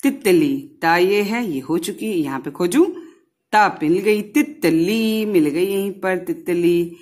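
A woman's voice: lowish voice, takes it slowly, a little mellow. A woman teaching a Hindi lesson to young children, patiently sounding out words syllable by syllable and often checking whether they follow.

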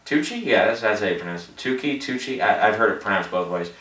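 A man's voice: sits low, steady tone, fast talker, fairly bright tone. A man chatting casually about movies, tired late at night, rambling with lots of fillers and laughing at himself. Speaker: box office prediction vlogger. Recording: roomy echo, distant from the mic.

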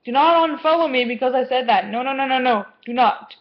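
A woman's voice: sits high, fairly quick. A teenage girl chatting casually to camera at home, rambling and easily distracted, with lots of "like". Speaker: vlogger. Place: home, indoors. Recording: dull lo-fi webcam sound.

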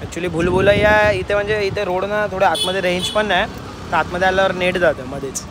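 Speaking fairly quickly in a high, steady voice over a noisy background, a young vlogger in his twenties chats with his viewers, whom he calls brothers. He films his travel vlog on a phone held at arm's length outdoors, by a roadside and at a cafe.

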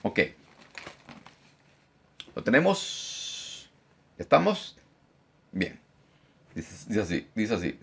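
A man preaching a Bible lesson, animated, repeating phrases for emphasis and mimicking objectors. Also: on the low side, very slow, creaky, pauses often, husky. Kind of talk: live-streamed Bible teaching.

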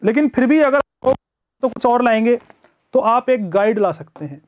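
A man's voice: very high-pitched, animated, normal speed. A man teaching a live online exam-prep lecture, talking in a chatty way, greeting viewers by name and acting out students' excuses. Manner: acts out students' excuses in first person.

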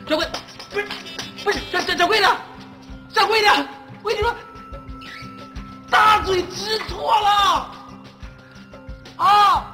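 A man's voice: extremely high pitch, full character voice. An actor playing a locked-up cook who fakes madness in a sitcom. He talks in a whiny, pleading, wheedling way. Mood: begging. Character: locked-up cook faking madness, begging to be freed. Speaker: inn cook. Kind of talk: sitcom acting.

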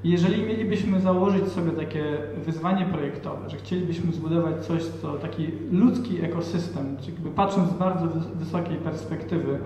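A man's voice: fairly high pitch, steady tone, brisk, vocal fry, hardly any pauses, warm tone. A man in his thirties from Poland, speaking hesitantly at an event into a handheld mic, with many fillers and restarts. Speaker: panel speaker. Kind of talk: reflective talk at an event. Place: large hall with audience. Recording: echoey hall, distant and dull.

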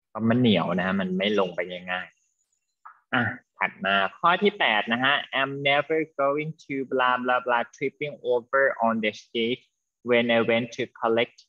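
A man teaching an English class to students, explaining slowly and patiently and affectionately calling them "child". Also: mid-range voice, highs cut off. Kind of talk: online class lesson with students.

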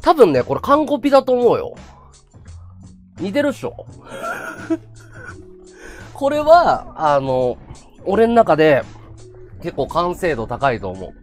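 A man's voice: high voice, sing-song, slow, pauses often, soft background music. A man hosting a livestream, chatting casually and animatedly with viewers and laughing often. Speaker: livestream host.

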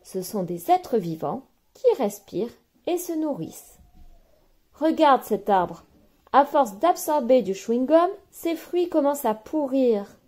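A gentle, knowing toucan from a storybook, as a woman reader puts him on, who lays things out patiently. The voice is mellow and unhurried, with lively pitch movement. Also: exaggerated voice. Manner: calm, explanatory. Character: wise male toucan, patient explainer.

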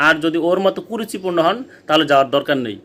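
Male vlogger, fairly high voice, urgent and indignant exhorting tone. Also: animated, rapid-fire, fairly bright tone. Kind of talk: impassioned public appeal.

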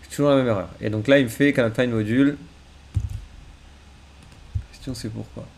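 Male streamer, gravelly voice, casual and self-mocking while coding. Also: medium pitch, steady tone, normal speed, a little mellow, a little hiss or hum. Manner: mutters to himself, casual and self-deprecating. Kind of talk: live coding, thinking aloud. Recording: faint keyboard typing behind.

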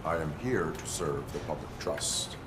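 An actor playing a stoic, dutiful cyborg police officer in a video game, speaking in a formal deadpan. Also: male voice, rumbling low, measured pace, very noisy.

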